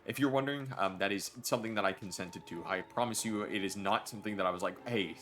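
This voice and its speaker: A man's voice: lowish voice, fast, a bit bright. A man streaming a game, chatting casually and jokingly to his viewers. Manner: chatty, addresses chat directly, jokey.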